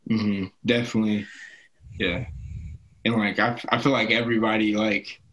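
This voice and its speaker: Low, flat-voiced young man chatting. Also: normal speed, rough recording. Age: young adult. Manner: laid-back, heavy use of "like". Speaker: college football player, podcast guest. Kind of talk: casual podcast chat.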